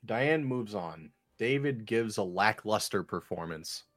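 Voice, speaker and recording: A man's voice: on the low side, lively intonation, unhurried, a bit bright, no room sound, clean studio sound, soft background music. A man reading screenplay stage directions aloud as an amateur narrator. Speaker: amateur script reader.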